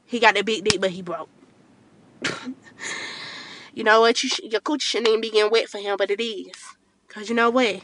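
A woman's voice: medium pitch, steady tone, fairly quick, long pauses, fairly bright tone, slight background noise. A young woman, podcasting in a car at night, giving blunt, profane advice to her listeners. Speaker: podcast host. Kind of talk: casual rant to listeners.

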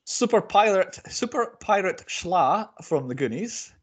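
A man hosting a casual film podcast, talking in an animated, rambling way and often correcting himself. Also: high-pitched, unhurried, breathy edge. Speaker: podcast host.

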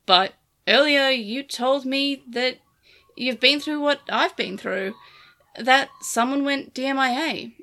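A woman's voice: high-pitched, fairly bright tone. A woman voicing a wary young male code cracker who speaks carefully. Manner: careful, guarded.

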